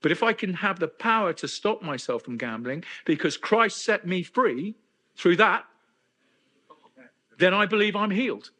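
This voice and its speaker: A man's voice: sits high, lively intonation, measured pace, sharp tone. A middle-aged man from England giving a candid personal testimony at a men's conference, with self-deprecating humor. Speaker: conference speaker.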